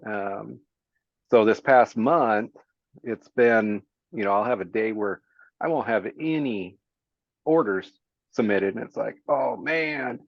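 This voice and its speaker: A man speaking as a podcast guest, easygoing and plain-spoken. His voice sits fairly low. The audio is muffled and lo-fi, as on a video call, and dry with no room echo. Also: slow, long pauses. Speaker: guest, small business owner. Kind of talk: casual interview chat.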